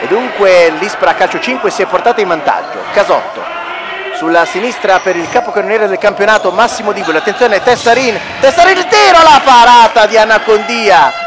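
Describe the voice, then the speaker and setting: High-pitched excitable male sports commentator. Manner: excitable, shouting goal calls. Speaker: match commentator. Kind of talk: futsal play-by-play commentary. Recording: music and crowd noise behind. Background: music, sports hall crowd.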